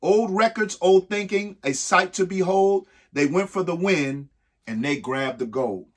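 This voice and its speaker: In a high voice, a man dramatizes a children's picture book, punctuating the reading with emphatic delivery, suspenseful pauses, and little remarks to the kids listening.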